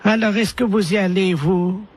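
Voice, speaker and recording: Man doing a gossipy older woman, prank call, chatty, indignant, husky. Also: sits high, fairly even intonation, moderate pace. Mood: gossiping. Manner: chatty, gossiping, indignant about market prices. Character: gossipy older woman neighbour complaining about prices.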